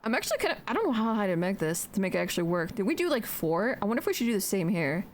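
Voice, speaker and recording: A woman's voice: mid-range voice, big pitch swings, racing. A young adult woman streamer chatting casually while building in a game, joking, swearing freely and talking to herself.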